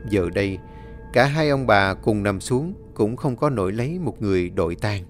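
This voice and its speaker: A man narrating a horror audiobook in a dramatic storytelling manner, voicing characters with raised pitch. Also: expressive, moderate pace. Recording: faint music under the voice. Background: faint background music.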